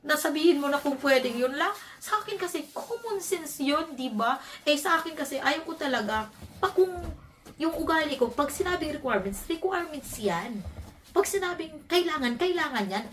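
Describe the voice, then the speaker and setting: Animated high-voiced woman telling a story. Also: normal speed, recorded from a distance, slight background noise. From Philippines. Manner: animated, emphatic, laughs often while telling. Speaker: vlogger. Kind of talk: casual storytelling.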